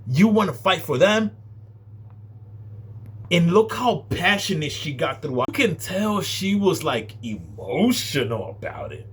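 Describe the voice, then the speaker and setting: A man with a high, husky voice reacts to a clip, exasperated and firing rhetorical questions. His pitch swings widely, yet his pace stays slow and deliberate. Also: animated, a bit bright. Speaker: reaction video host. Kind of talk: profane reaction commentary.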